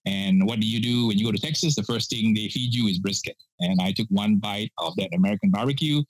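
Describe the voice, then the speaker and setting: A Penang-born Malaysian pitmaster in his sixties tells stories as a guest on a casual podcast interview, chatty and laughing often, with many "uh" fillers. His lowish voice moves fast, and the low-quality recording has no echo.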